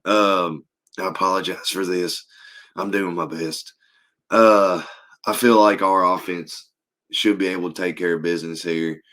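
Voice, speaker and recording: A hoarse man, his voice sitting very low. He co-hosts a casual sports talk show, reading stats haltingly with plenty of ums and uhs. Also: fairly even intonation, pushed and bright. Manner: halting, reads stats with many fillers. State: losing his voice. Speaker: podcast co-host.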